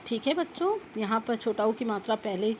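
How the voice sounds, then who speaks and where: A woman teaching a young children's class, slowly spelling out words sound by sound as she reads from a textbook. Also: fairly high pitch, expressive, a little mellow, muffled recording, slight background noise. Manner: slow, careful spelling out of sounds for young pupils. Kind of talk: reading a children's textbook lesson aloud.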